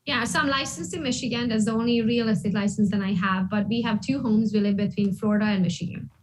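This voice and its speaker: A woman from Romania, a guest in an interview, telling her story in a candid, lively way and often checking in with "right?". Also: fairly high pitch, fast, low-quality recording. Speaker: guest, real estate agent. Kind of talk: casual interview talk.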